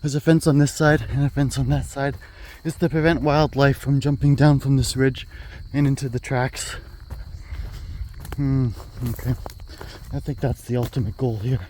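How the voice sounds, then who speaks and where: A man's voice: mid-range voice, fairly even intonation, moderate pace, a little mellow, a little hiss or hum. Man musing aloud outdoors. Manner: chatty, musing aloud with fillers. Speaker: hiking vlogger host. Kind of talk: casual walk-and-talk narration. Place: outdoors on a wooded prairie trail. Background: faint insects and crickets.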